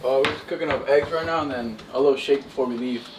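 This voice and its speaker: A man's voice: medium pitch, fast, noisy background. A young man from Queens with a New York accent, chatting casually and slangily in a vlog. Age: young adult. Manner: slangy, off-the-cuff. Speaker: baseball player, vlog subject.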